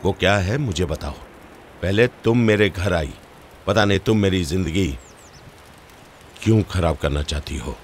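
A man's voice: low voice, unhurried, long pauses, slight background noise. An actor dubbing a wary young male writer in a romantic film, dry and suspicious in his questions. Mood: angry. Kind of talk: Hindi film dub.

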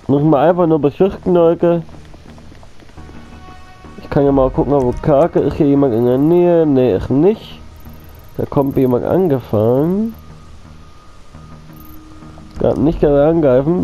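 In a rough recording over soft background music, a gaming channel host with a cold coughs now and then. His voice is a little high and dark in tone, with lively intonation, a slightly slow pace, and frequent pauses. He rambles casually about his gameplay, repeats himself, and talks directly to his viewers as friends.

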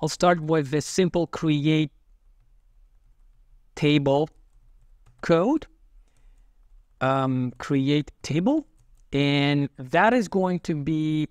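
A man narrating a screen-recorded software tutorial, explaining each step calmly and methodically as he types. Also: a little high, slow pace, long pauses, no echo, studio quality. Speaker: software instructor.

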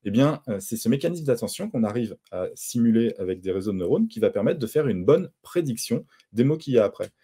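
A man with a dark, mellow voice presents at a conference, walking through his slides. He explains things patiently, often pausing and restarting his sentences. He sounds middle-aged, a native French speaker lecturing to an audience. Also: mid-range voice, animated, husky. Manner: explanatory, with frequent hesitations and restarts.

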